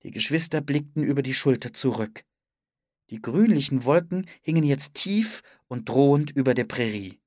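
Lively, expressive storybook narrator. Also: mid-range voice, normal speed, no room sound, clean studio sound. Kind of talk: scripted audiobook narration for children.

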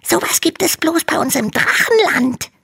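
A woman voicing a tiny, timid young male dragon in a storybook reading, squeaky and whimpering as he pleads. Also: animated, normal speed, creaky, fairly bright tone, exaggerated voice. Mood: eager pleading.

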